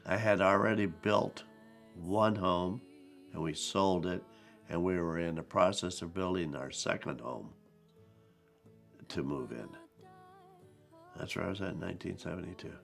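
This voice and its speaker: A man in his seventies with a very low, gravelly voice recounts his working years plainly, sometimes speeding up to make a point. Soft music plays faintly behind him. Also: steady tone, measured pace, long pauses. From Ohio. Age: 70s. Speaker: interviewee. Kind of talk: documentary interview storytelling.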